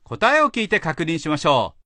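A man explaining pronunciation rules as an English teacher, slow and careful. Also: fairly high pitch, wildly swooping pitch, pushed and bright, no room sound. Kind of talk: instructional narration.

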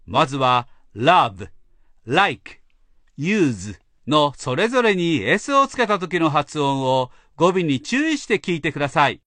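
A man explaining pronunciation rules as an English teacher, slow and careful. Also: a little high, very animated, fairly bright tone, no room sound. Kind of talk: instructional narration.

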